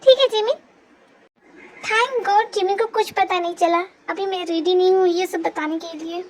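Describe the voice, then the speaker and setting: A woman's voice: extremely high pitch, steady tone, moderate pace. A young woman performing every role in a Hindi fan-dub drama, talking in a chatty, pushy way.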